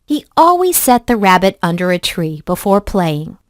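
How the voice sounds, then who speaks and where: A woman reads a children's story aloud in an expressive, deliberate storybook manner. Her voice is mid-range, and the recording is dry and of studio quality.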